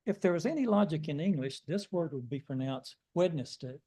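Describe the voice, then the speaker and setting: A man's voice: fairly high pitch, animated, brisk, mellow, husky, low-quality recording. An older American man telling folksy, self-deprecating stories in a sermon. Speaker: guest preacher. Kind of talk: storytelling sermon.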